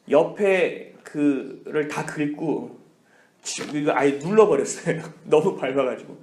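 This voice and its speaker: A male pastor preaching a sermon, telling a personal story with lively, animated delivery. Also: on the high side. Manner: animated storytelling, whispers inner thoughts. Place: church sanctuary. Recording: echoey church hall.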